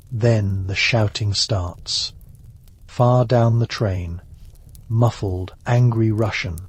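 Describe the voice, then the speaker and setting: A man telling a second-person history story for sleep in a soft, hushed, measured voice. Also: lowish voice, husky, no echo. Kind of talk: slow ASMR sleep-story narration.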